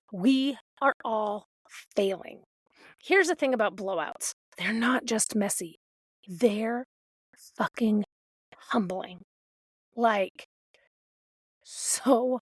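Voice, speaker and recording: Slow, sardonic woman podcast host. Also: fairly high pitch, dry recording. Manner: sardonic, swears freely. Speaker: parent of a toddler. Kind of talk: comedic monologue.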